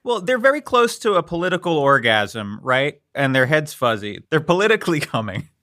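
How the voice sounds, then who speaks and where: A man's voice: on the high side, very animated, brisk, pushed and bright, no echo, studio quality. A man co-hosting a podcast, making crude jokes and laughing mid-sentence in a casual chat. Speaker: podcast co-host. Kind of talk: casual legal discussion.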